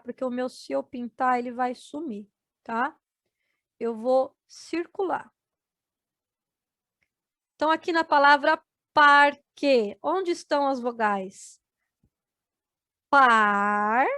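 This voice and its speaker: Brazilian lady teacher going super slow over syllables, high voice, dry recording. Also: fairly even intonation, bright, forceful tone, no echo. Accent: Brazilian Portuguese. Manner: slow, syllable-by-syllable explaining to students. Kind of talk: adult education video lesson.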